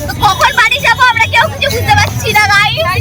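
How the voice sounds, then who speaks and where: A woman's voice: extremely high pitch, quick pace. A woman vlogger chatting casually to viewers in a crowded street at a religious procession, complaining about the queues. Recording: loud crowd and traffic noise.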